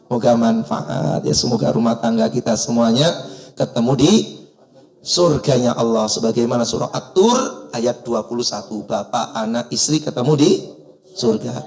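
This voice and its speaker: A man preaching a sermon in a mosque, lively and joking, acting out little household exchanges as he teaches. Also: mid-range voice, a little slow, long pauses, echoey room.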